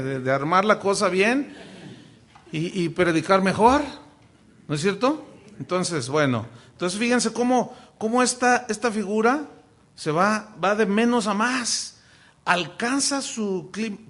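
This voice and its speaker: A Mexican man, a pastor, teaching a class on preaching. His voice is bright and sits fairly high, and he jokes and restarts his sentences often. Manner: animated, joking, many restarts. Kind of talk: sermon-style lesson.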